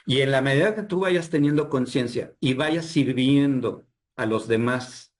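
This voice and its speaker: A man's voice: mid-range voice, a little slow. Earnest Mexican man recounting a vision. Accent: Mexican Spanish. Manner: earnest, re-enacts dialogue in his telling. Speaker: healer and spiritual guide, guest. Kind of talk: storytelling interview.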